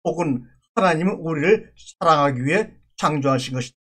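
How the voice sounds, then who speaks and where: A man with a somewhat high-pitched voice delivers a sermon. He speaks as a pastor, working through scripture in an earnest, teaching way and circling back to repeat key words. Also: animated, brisk, fairly bright tone.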